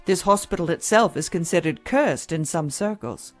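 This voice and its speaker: A woman's voice: lowish voice, animated, normal speed, faint music behind, close to an everyday voice. A woman playing a jaded, frank hospital doctor in an audio drama, skeptical and matter-of-fact. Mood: weary, frustrated.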